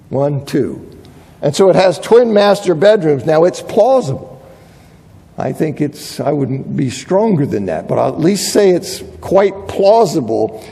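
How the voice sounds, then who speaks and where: A Bible teacher giving a lecture, reasoning aloud and often restarting his sentences. His voice sits a bit high, husky and mellow. It rings with the long reverb of a large hall. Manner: thinking aloud, restarts, reads quotes aloud. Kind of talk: lecture on biblical archaeology.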